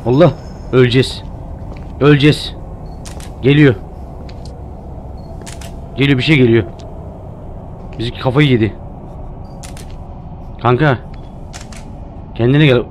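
A man's voice: medium pitch, fairly even intonation, slow, pauses often, slight background noise. A man doing live commentary while playing a horror game, jumpy and joking, cursing at the game. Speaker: streamer.

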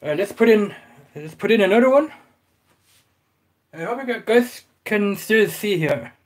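This Irish-accented cook talks a little slowly in a high, expressive voice, chatting casually with viewers from his small home kitchen. His commentary is full of fillers and shouts of "guys".

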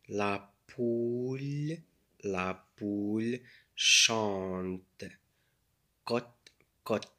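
A man teaching French reading, sounding out words slowly with pauses and explaining in Arabic. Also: low voice, a bit bright. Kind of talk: slow syllable-by-syllable reading lesson.

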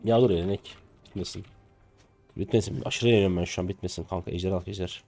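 A man in his twenties from Turkey, commenting live on his own game play, excitable and jokey, with casual swearing and sudden high yelps. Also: fast talker, faint music behind. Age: 20s. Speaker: streamer.

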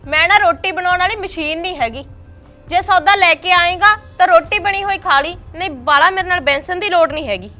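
A woman's voice: very high voice, fairly quick, soft background music. A woman acting a fed-up young wife who works as a housemaid and scolds her husband in a short drama film. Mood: angry, defiant. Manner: sharp-tongued, scolding, taunting.

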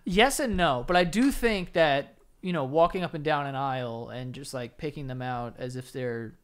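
A young man co-hosting a podcast, casual crude banter with animated, quick interjections, on a desk mic in a small studio. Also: mid-range voice, clean tone. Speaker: podcast co-host. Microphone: desk-mounted podcast mic, headphones.

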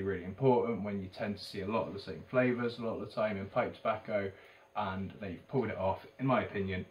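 A man in his thirties with an English accent, giving a chatty, casual product review to camera, hesitant and trailing off at phrase ends. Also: fairly low pitch. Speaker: tobacco shop video reviewer. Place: indoors, in a shop corner by a banner. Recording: distant mic with faint background noise.

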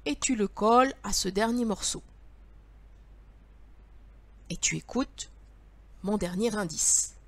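A woman's voice: medium pitch, takes it slowly, pauses often, dry recording. A woman teacher leading young children through word riddles, patient and sing-song, speaking straight to the child.

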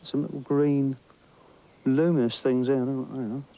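A middle-aged Englishman presents an angling show, chatting enthusiastically to camera while he fishes and wanders the bank of a lake outdoors, thinking aloud with small restarts. His medium-pitched, mellow voice has a flat delivery at a moderate pace, and the recording is rough.

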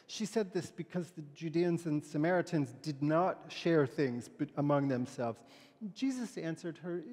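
A middle-aged pastor preaches a conversational sermon from the pulpit, reading a poem and scripture passages in a gentle, slightly halting manner. His voice is notably high for a man, and the long reverb of a large church fills the space around him.

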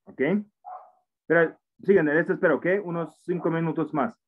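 With slight background noise, a man in his forties speaks at a moderate pace in a somewhat high voice of fairly even intonation. Spanish isn't his first language, and he teaches English online in accented Spanish, patiently and encouragingly, often repeating himself. He's at a computer in an indoor room, heard through a tinny, phone-like video-call mic.

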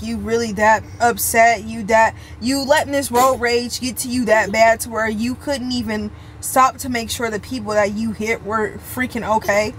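A woman's voice: a little high, slight background noise. A young pregnant woman venting to viewers in a casual vlog, upset and repeating herself. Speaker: vlogger.

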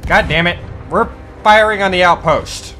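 A man's voice: high voice, moderate pace, sharp tone, faint music behind. A man hosting a gaming video, chatting casually and profanely, joking and slipping into pirate talk. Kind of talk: casual gameplay chat.

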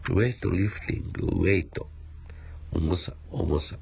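A man's voice: deep voice, steady tone, slow pace, gravelly, husky, lo-fi sound. A man with a Japanese accent teaching an English vocabulary lesson, repeating words and spelling them out letter by letter.

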